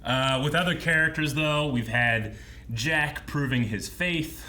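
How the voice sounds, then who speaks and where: A man hosting a show reaction with casual, joking commentary and an animated manner. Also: a little high, a little slow, a little hiss or hum.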